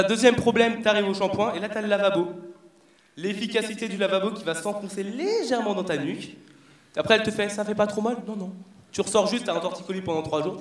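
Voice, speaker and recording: A man's voice: high voice, reverberant. A young man doing a brash, slangy stand-up comedy routine on stage, talking straight to a live audience. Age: young adult. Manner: brash, slangy, crowd-addressing.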